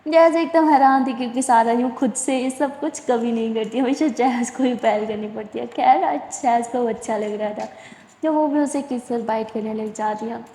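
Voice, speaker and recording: A woman's voice: a little high, moderate pace, dark tone. A woman casually retelling a love story in a chatty, informal way. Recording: echoey room with long reverb.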